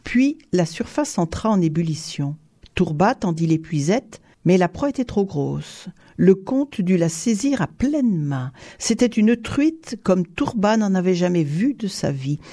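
A measured audiobook narrator telling a tale at an even pace. The voice has a gravelly grain and a mellow, dark tone, at a middle pitch. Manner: measured storytelling.

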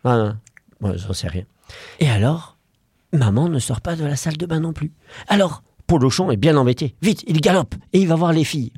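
A man improvising a bedtime story for a child at home, playful and animated with small hesitations. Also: fairly high pitch, normal speed, breathy edge, dry recording, clean studio sound. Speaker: parent telling a bedtime story.

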